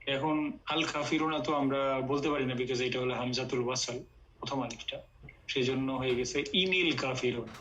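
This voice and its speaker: A man's voice: mid-range voice, normal speed, fairly bright tone, highs cut off, slight background noise. A man from Bangladesh teaching an online Quran Arabic class, explaining step by step and mixing in English.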